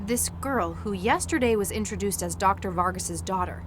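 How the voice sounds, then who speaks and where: A woman's voice: mid-range voice, moderate pace, background noise, close to an everyday voice. A woman playing a commanding, no-nonsense police agent in a sci-fi video game, speaking in a terse, authoritative way. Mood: questioning, suspicious.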